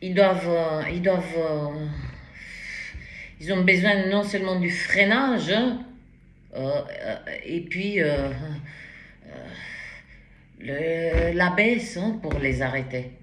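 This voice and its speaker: A woman's voice: fairly low pitch, animated, takes it slowly, pauses often, reverberant. A woman giving a spoken tarot reading, hesitant and rambling, with frequent restarts and interjections. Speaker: tarot reader.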